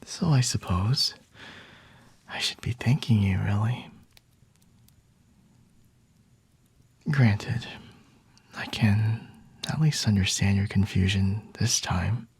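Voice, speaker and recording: In an ASMR roleplay, a man plays a smug, flirty male vampire toying with a captured hunter, whispering in a low, very husky voice right up close with a dry, roomless sound. His exaggerated delivery is coolly amused, slow, teasing, and condescending toward his captive.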